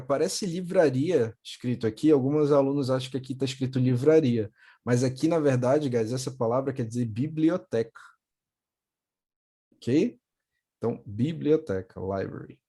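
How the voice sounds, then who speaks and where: Young Brazilian man, patient English teacher on a video call, mellow and unhurried. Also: medium pitch. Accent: Brazilian Portuguese. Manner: patient, repeats words slowly for pronunciation. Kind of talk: online class for children.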